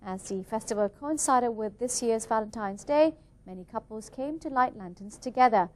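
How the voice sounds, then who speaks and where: A woman's voice: on the high side, moderate pace. A woman reading scripted television news as an anchor.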